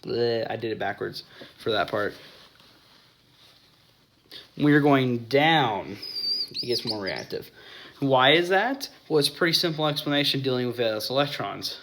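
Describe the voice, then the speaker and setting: A man's voice: medium pitch, animated, unhurried, pauses often, a bit bright. A young man explaining chemistry in a casual whiteboard lesson, often stopping to correct himself and apologize.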